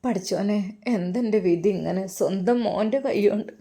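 A woman voicing a grieving elderly mother who speaks softly and tearfully, with a Malabar Malayalam accent. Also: a little high, fairly even intonation, normal speed, natural voice. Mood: resigned. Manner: soft, tearful and pleading.

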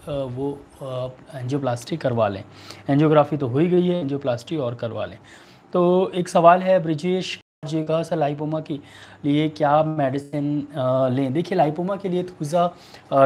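Hosting a live online clinic from a small furnished room, a homeopathic doctor in his thirties with an Indian accent answers viewer questions and suggests remedies. His slightly high, darkish voice comes out halting and repetitive, with a faint hiss or hum in the audio.

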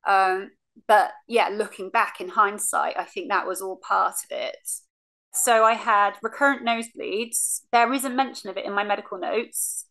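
Over a webcam on a video call, a woman on her living-room sofa gives a frank, casual account of her cancer in a remote interview. Her medium-pitched voice is gravelly, bright, and forceful at a moderate pace, and she says um often while acting out lines from memory.

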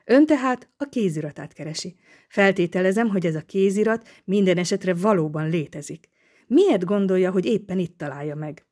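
A woman's voice: fairly low pitch, expressive, a little mellow. Woman reading as a stern male inspector. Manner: tense, probing questions. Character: stern middle-aged male police inspector. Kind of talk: audiobook reading.

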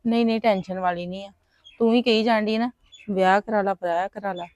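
A woman in her late twenties plays a shy 29-year-old elder daughter confiding a crush to a friend, sounding hesitant, pleading and confiding. Her medium-pitched voice is a little mellow and natural, fairly quick with fairly even intonation. The sound is dry, dull and lo-fi.

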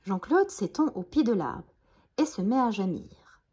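A woman reading a children's bedtime story aloud, gentle and expressive. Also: mid-range voice, a little slow, husky.

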